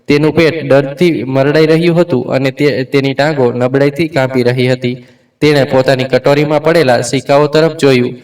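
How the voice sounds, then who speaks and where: A man narrating an emotional story in an earnest, measured way, reading the quoted lines plainly. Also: mid-range voice, a little mellow, far from the mic.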